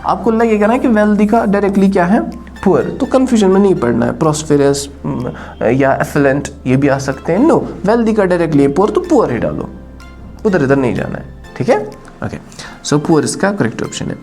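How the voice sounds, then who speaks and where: A man's voice: high voice, moderate pace, soft background music. A man teaching an exam-prep lesson, calling his students "bachcha" and mixing English into his explanations. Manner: addresses students as "bachcha", mixes English and Hindi, lively.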